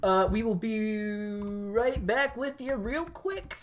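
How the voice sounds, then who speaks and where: Livestream host, rambling, filler-heavy, mid-pitched, casual. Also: slow pace, soft background music. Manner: rambling, filler-heavy, talks through technical setup.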